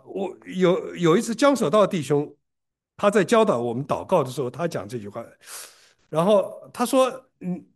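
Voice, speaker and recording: A man preaching a sermon to his congregation, telling personal stories in an animated way with frequent restarts. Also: high voice. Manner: animated storytelling, frequent restarts and self-repair.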